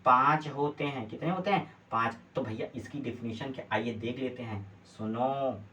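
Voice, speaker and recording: A man's voice: mid-range voice, normal speed, bright, forceful tone. A male teacher giving a classroom lesson. He keeps asking his students check questions and answers them himself. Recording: distant mic, faint background noise.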